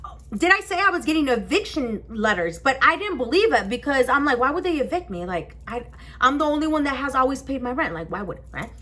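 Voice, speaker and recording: A young woman vlogger telling a personal story in a casual, animated way, swearing often and acting out the people in it. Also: sits high, fairly quick. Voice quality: animated, swearing, acts out voices in her story.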